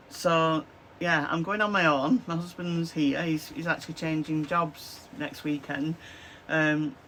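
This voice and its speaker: Filming a casual, chatty vlog on a close-framed desk camera in her small craft room, a Lancashire woman in her fifties rambles on with plenty of "um, so yeah" fillers. Her hoarse voice sits low and is a bit bright, she has a chesty cough, and her Lancashire English accent is clear. Slight background noise is audible.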